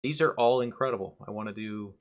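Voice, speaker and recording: A man's voice: on the low side, fast talker, highs cut off. A man hosting a casual podcast chat, joking and rambling loosely as he introduces the talk. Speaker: podcast host.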